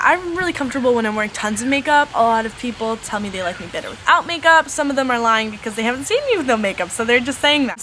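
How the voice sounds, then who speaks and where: A chatty teenage girl talks casually to her camera at home, rambling between answers and filling the pauses with ums and likes. Her voice sounds bright and sits a little high, and a faint hiss of noise lies underneath. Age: teens. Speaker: beauty vlogger. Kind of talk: casual chat answering a tag.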